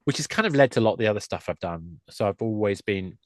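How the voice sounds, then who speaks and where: Speaking fast in a fairly low, animated voice, a middle-aged man guests on a podcast and talks about his games industry work. His manner is casual and self-deprecating, typical of a conversational interview. No room sound is audible.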